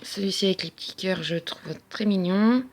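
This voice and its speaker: A woman's voice: mid-range voice, moderate pace, background noise. A woman chatting casually as she shows off her craft-supply haul, hesitating often with fillers. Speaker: crafting vlogger. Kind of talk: casual haul show-and-tell. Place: at home.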